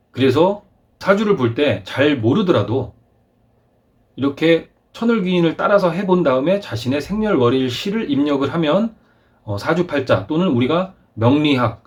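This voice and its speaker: A man hosting his own channel, explaining step by step over a screen recording in a polite, formal way, with frequent filler pauses. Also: on the high side, darkish tone. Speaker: channel host explaining fortune-telling.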